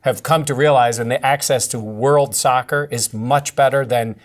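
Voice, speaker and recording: A man with a middle-pitched voice gives his views on a sports radio panel. He talks in a measured, explanatory way. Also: steady tone. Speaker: sports broadcaster guest. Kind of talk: sports talk analysis.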